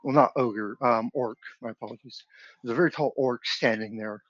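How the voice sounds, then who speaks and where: A man narrating as game master of a tabletop game, relaxed and hesitant with fillers, over dull lo-fi online audio. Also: medium pitch, normal speed, no room sound.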